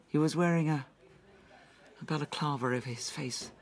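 An actress voicing a traumatized woman recounting a brutal attack, halting and often dropping into whispers, in an audio drama. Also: sits low. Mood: distressed.

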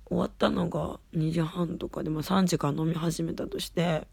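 A woman with a raspy, husky voice, an idol hosting her own radio show, rambling along in casual, self-deprecating solo chat. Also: sits low, steady tone, normal speed, darkish tone, dry recording.

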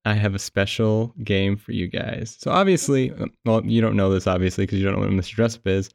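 Gravelly man recording under a blanket. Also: fairly low pitch, brisk, a little mellow, no room sound, clean studio sound. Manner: rambling, laughs often. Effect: muffled by a blanket over the mic. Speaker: podcast host. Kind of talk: casual chat.

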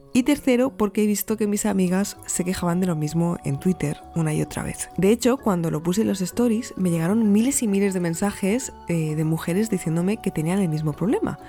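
A woman's voice: on the low side, dark tone. A young woman with a Spain Spanish accent hosting a podcast, chatty and emphatic, with playful self-mocking asides. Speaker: podcast host. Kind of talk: chatty scripted podcast monologue. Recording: faint music behind the voice.

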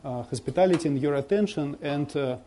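A visiting bishop from Russia gives an informal guest slideshow talk in halting, Russian-accented non-native English, searching for words. His voice is a little high with a dark tone, and there is slight background noise.

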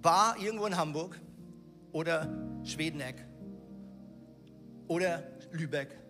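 A man preaching a sermon in a casual, lively way, dropping slangy asides into his teaching. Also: a little high, takes it slowly. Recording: long reverb with music underneath. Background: music.

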